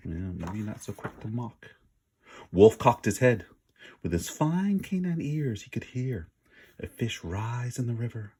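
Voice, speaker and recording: A man with a lowish, dark, breathy voice reads a children's story aloud. He stresses words dramatically and emphatically, keeping things informal and tossing in casual asides during his expressive narration.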